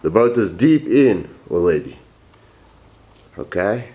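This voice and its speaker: A husky, fairly low male voice speaks slowly as a man in his forties tours his big wooden boat shed on a handheld camera held at arm's length. This boatbuilder vlogger is blunt and animated, wandering off track and restarting his sentences again and again.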